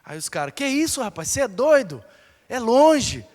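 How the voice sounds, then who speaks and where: A man's voice: very high voice, sing-song, moderate pace, darkish tone, long reverb tail. A male pastor with a Brazilian accent, telling a story in a sermon and acting out the dialogue and sound effects. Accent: Brazilian Portuguese. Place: church hall.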